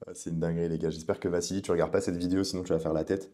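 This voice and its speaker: Fast-talking, deep-voiced man teaching. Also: level tone, warm tone, slight background noise. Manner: fast, chatty, addresses the viewer directly. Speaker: online business coach. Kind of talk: casual tutorial.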